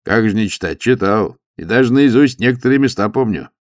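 A man's voice: lowish voice, animated, fairly quick, no echo, studio quality, pitched above the performer's own voice, close to an everyday voice. A man voicing a sturdy, middle-aged monk who is officious and pompous, lecturing and declaiming as if at a church service.

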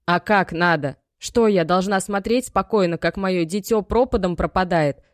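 A woman's voice: fairly low pitch, moderate pace, no echo, lightly acted. A woman voicing an aging mother, stern but loving, homely scolding, dry close audiobook sound. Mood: pleading. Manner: scolding, pleading, folksy speech.

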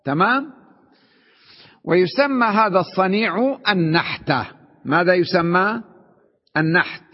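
An animated sheikh with a high voice teaches Arabic grammar at an unhurried pace, patiently explaining and regularly confirming his students can keep up. It's a classroom lesson in a large hall, and the recording lacks high frequencies.

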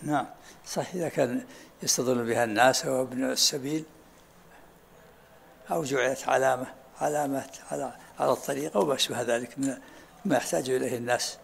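Man, sheikh teaching a lesson, gravelly voice, unhurried, asks students to repeat. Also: medium pitch, fairly even intonation, a little hiss or hum. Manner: unhurried, often asks "ha?" to have things repeated. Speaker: sheikh teaching a study circle. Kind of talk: lesson commentary with questions and answers.

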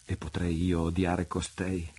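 A man's voice: sits low, monotone, unhurried, mellow, slightly rough. A man voicing a passionate, tormented male pirate chief in an audiobook, with fervent, desperate outbursts. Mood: anguished.

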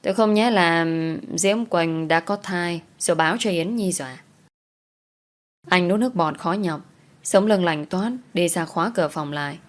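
A woman reading a romance story aloud as its narrator, in a steady, even storytelling delivery. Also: lowish voice, normal speed. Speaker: audiobook narrator.

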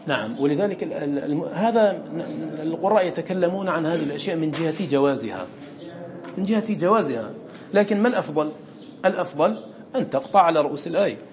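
A man's voice: fairly high pitch, expressive, fast talker, a crowd in the background. A man teaching a Quran recitation class, asking his students questions and answering them himself. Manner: quotes lines of verse in a raised voice. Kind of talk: classroom lesson explaining a verse text. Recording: faint background noise.

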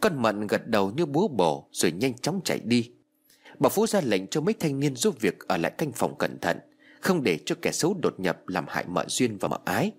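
A man narrating a dramatic story, voicing each character with shifting pitch. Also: wildly swooping pitch, moderate pace, husky. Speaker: audiobook narrator.

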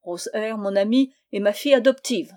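Woman doing a hoarse old fisherman. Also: medium pitch, normal speed, mellow, lightly acted. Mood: ranting. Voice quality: hoarse, bellowing. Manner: chuckles "hu, hu" between boasts.

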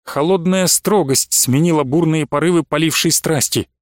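A man's voice: a little high, normal speed, no echo, studio quality. Man narrating a classic novel. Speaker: audiobook narrator. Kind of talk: literary audiobook narration.

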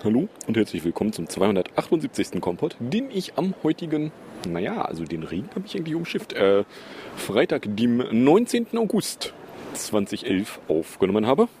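A man's voice: mid-range voice, huge pitch swings, fairly quick, darkish tone, a little hiss or hum. A man hosting his own podcast, rambling casually and sarcastically with many fillers. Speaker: podcast host. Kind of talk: casual solo podcast commentary.

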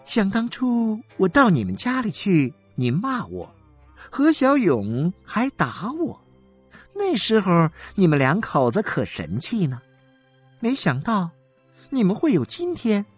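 A woman's voice: medium pitch, wildly swooping pitch, slow pace, slightly rough, no room sound, soft background music, full character voice. A woman voicing a smug, chatty wife who gloats and scatters sighing fillers through her talk. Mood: gloating. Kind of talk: dramatic reading.

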